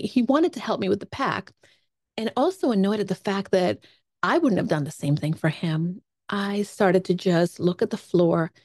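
A woman hosts her own podcast and tells a personal story with plenty of life. She acts out her own thoughts in little quoted asides, at a middle pitch for a woman. The recording is close and dry. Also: darkish tone, dry recording. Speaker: podcast host.

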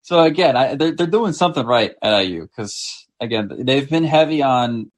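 Lively-pitched man talking sports. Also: moderate pace. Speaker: podcast co-host. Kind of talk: casual sports chat.

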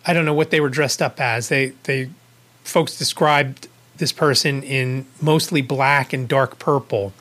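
A man's voice: medium pitch, fairly even intonation, unhurried, fairly bright tone. Rambling man telling a podcast story. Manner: rambling, self-correcting, with chuckling asides. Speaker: podcast host. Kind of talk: casual storytelling monologue.

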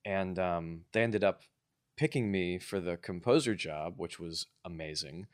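Low-voiced man chatting in a relaxed ramble. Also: unhurried, no room sound, clean studio sound. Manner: relaxed, rambling with many fillers. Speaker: guest composer. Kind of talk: casual interview chat.

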